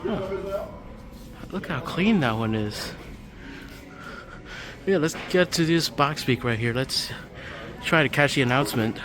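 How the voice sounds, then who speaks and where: A slightly high-voiced man with lively intonation speaks at a measured pace, leaving long pauses. He's a vlogger filming his walk through a large hardware store, commenting casually over the store music.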